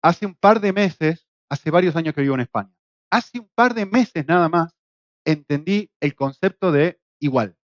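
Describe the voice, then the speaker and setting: Argentine man lecturing, fairly high voice. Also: normal speed, no echo, muffled recording. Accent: Argentine Spanish. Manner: lively, acts out quoted voices with shouts and jokes. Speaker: Bible course teacher. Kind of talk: classroom lecture. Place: classroom in Spain.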